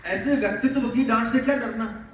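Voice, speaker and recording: A man's voice: very high voice, brisk, a loud crowd. A male teacher giving a motivational talk to students in a fatherly way, laughing often. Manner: fatherly, calls listeners "beta", often laughing. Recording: very echoey, distant mic, faint noise.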